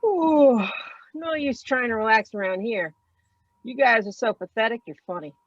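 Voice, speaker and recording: An actress playing Brenda, a sharp, sarcastic adult daughter, in a stage play reading. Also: female voice, a little high, normal speed, dry recording, muffled recording, close to an everyday voice. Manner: sarcastic, exasperated.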